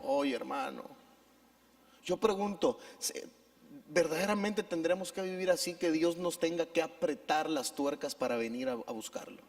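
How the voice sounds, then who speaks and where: A man with a Mexican accent, a pastor preaching a sermon and telling a story in an animated way, leading the congregation to repeat after him. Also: on the high side, normal speed, gravelly, long reverb tail. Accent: Mexican Spanish. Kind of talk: preaching sermon with personal anecdote.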